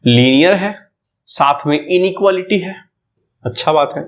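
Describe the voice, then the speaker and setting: Male maths lecturer, Bihari Hindi accent, slightly high voice, repeats key terms as questions. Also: a little slow. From India. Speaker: maths teacher. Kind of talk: classroom lecture.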